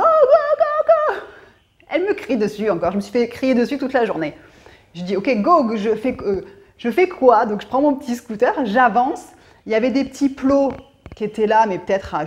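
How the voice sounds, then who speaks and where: A woman from France, chatting casually to camera as a vlogger, telling a story with lots of fillers and restarts. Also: mid-range voice. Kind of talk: casual chat.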